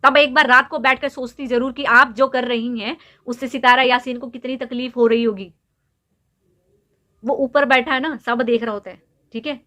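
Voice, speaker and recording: Woman, young adult, vlogger, lecturing rant, scolding, somewhat high-pitched. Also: steady tone, normal speed, bright, forceful tone. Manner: scolding, lecturing, repeats "theek hai?" to press points. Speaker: YouTube vlogger. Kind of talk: direct-to-camera opinion rant.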